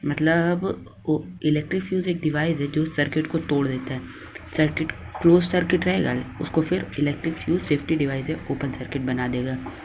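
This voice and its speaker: A man's voice: on the high side, normal speed, highs cut off, background noise. A man teaching a lesson, dictating notes to students word by word and correcting his own slips. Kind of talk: slow classroom lesson.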